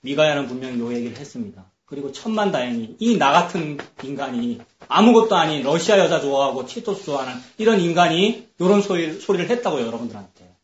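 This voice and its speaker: A man's voice: a little high, sing-song, fast, hardly any pauses, roomy sound, highs cut off, slight background noise. A male pastor preaches a sermon in a conversational way, acting out the voices of biblical figures.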